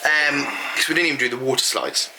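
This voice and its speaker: A man's voice: mid-range voice, fast, noisy background. A British man co-hosting a vlog, chatting casually with frequent ums. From United Kingdom. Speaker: vlog co-host. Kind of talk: casual chat.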